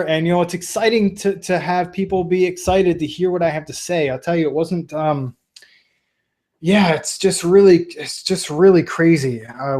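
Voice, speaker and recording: A man's voice: on the high side, darkish tone. Man in his 30s, webinar presenter, casual and earnest, tells rambling stories with many ums. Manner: rambling, earnest, filler-heavy storytelling. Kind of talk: casual online training talk.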